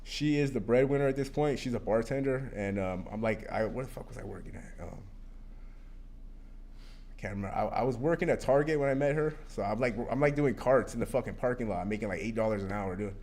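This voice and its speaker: A thirtysomething man from Arizona shares his recovery story at a support meeting, speaking frankly and wandering off track with plenty of fillers and swearing. His voice is mid-range and darkish, and he talks briskly.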